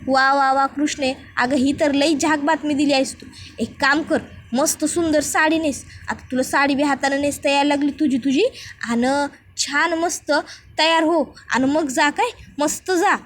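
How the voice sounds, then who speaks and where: A woman's voice: high-pitched, fairly even intonation, moderate pace, natural voice. A woman voicing a caring, chatty village elder sister who fusses in a rustic dialect. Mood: fond.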